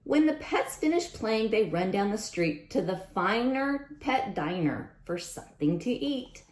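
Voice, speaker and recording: A little slow and darkish, her medium-pitched voice is sing-song as she reads a story to young children. She often asks questions and repeats lines, and the echoing recording sounds roomy.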